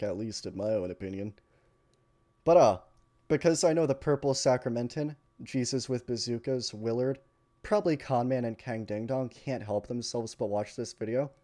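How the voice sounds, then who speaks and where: Blunt, sarcastic man with a mellow voice. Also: medium pitch. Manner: blunt, sarcastic, swears casually. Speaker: commentary youtuber. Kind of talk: casual commentary.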